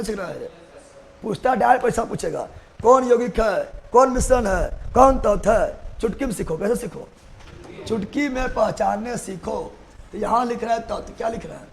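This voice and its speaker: Gravelly high-voiced teacher drilling. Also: male voice, poor audio. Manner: repeats answers in a sing-song drill, asks and answers himself. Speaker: chemistry teacher. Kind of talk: live online class, call-and-response drilling.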